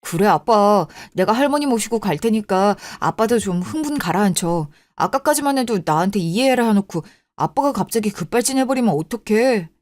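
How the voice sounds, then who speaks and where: A woman doing a gentle teenage son. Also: fairly high pitch, no room sound, lightly acted. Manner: soothing, coaxing. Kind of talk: Korean radio drama acting.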